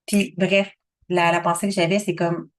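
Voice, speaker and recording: A woman in her thirties with a Québécois accent, giving a chatty motivational coaching talk and acting out her own thoughts in a higher voice. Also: little pitch movement, moderate pace. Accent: Québécois French. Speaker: abundance coach.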